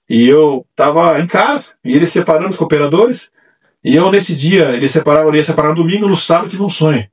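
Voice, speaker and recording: Male evangelist guest with a husky voice, lively storytelling delivery, picked up by a distant mic. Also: on the high side. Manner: animated, acts out quoted voices. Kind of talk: testimony storytelling.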